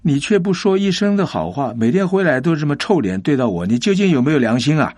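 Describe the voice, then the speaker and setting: A man's voice: medium pitch, big pitch swings, a little fast, slightly rough, no echo. A man voicing a worn-out young housewife and mother who complains shrilly, close to tears. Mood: upset.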